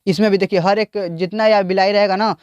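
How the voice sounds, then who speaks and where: A man's voice: sits high, fairly even intonation, a little fast, clear, resonant tone, no room sound, muffled recording. A man teaching biology, explaining a diagram and repeatedly asking the class questions.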